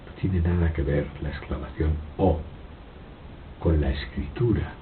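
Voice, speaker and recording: A man giving a slow, reflective philosophical talk, halting and repeating his words, with frequent rhetorical questions. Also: far from the mic. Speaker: spiritual speaker giving a talk. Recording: old lo-fi tape, phone-like, noisy with rumble.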